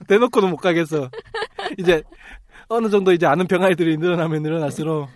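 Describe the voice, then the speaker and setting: A man's voice: a little high, quick pace, no echo. A man hosting a casual podcast chat, laughing often and sometimes mimicking other people. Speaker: podcast host.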